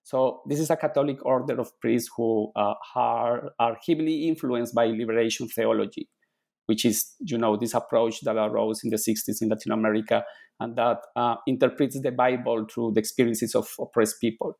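A man, an author guest on a podcast interview, speaking haltingly as he searches for words. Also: medium pitch, fairly even intonation, vocal fry, a little mellow. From Colombia.

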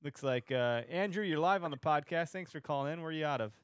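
A man's voice: fairly high pitch, quick pace, clear, resonant tone, no echo, clean studio sound. A man from Wisconsin hosting a podcast, chatting casually and telling anecdotes. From Wisconsin, United States. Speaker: podcast host. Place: basement room.

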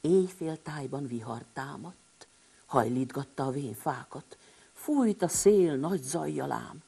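A woman telling a rhyming bedtime story to children, animated and speaking to them directly. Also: deep voice, creaky, breathy edge.

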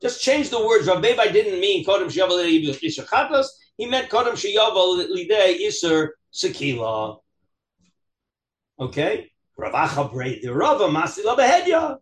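A man teaches a Talmud class as a rabbi, reading aloud and explaining in an animated, questioning way. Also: high voice, normal speed, roomy sound. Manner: animated, questioning, acts out examples in dialogue. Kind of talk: interactive text lesson, reading aloud and explaining.

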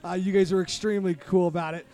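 A man's voice: sits high, fairly even intonation, fast, warm tone. A man telling anecdotes casually as a guest on a podcast. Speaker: podcast guest and company founder. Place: bar under construction.

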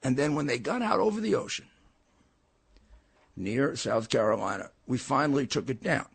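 A man's voice: medium pitch, animated, moderate pace, vocal fry, breathy edge, no echo. An older man hosting a political talk show, giving a blunt, combative commentary monologue with frequent stammered restarts.

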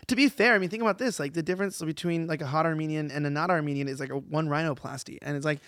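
High pitched guy from LA, rapid rambling riffs on a panel show. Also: fairly bright tone, dry recording, clean studio sound. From Los Angeles. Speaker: co-host. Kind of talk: casual panel chat.

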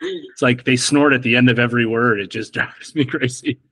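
Male co-host, mid-pitch, playful and jokey, firing off quick would-you-rather questions. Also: fairly even intonation, fairly bright tone, poor audio. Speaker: podcast co-host. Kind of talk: casual interview chat.

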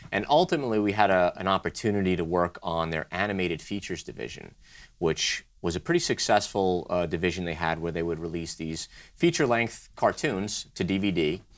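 A man with a deep voice talks as a guest in an interview. He is conversational and explanatory, laying out his story step by step and often piling up short lists. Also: lively intonation, a little fast. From Brooklyn, New York. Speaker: interview guest, design studio co-founder.

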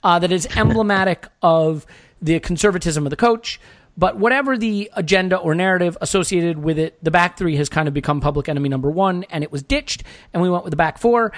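High-voiced wry man hosting a podcast. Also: brisk, no echo. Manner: wry, wordy, sardonic. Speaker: podcast host. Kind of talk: football podcast talk with scripted-sounding intro.

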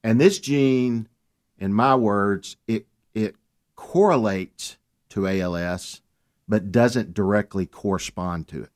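A man, a guest on a talk radio show, telling his story in an earnest, animated way. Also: on the low side, slow. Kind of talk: casual radio chat.

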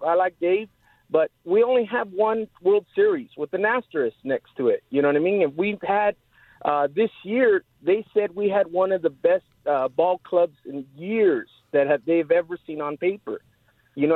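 A man's voice: on the high side, dry recording. Man calling in over a tinny phone. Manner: rambling, leans on "you know". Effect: heard over a phone line. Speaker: radio call-in caller. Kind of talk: casual call-in chat.

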